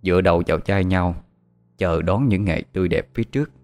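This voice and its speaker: A man narrating a story in a calm, measured scripted reading. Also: deep voice.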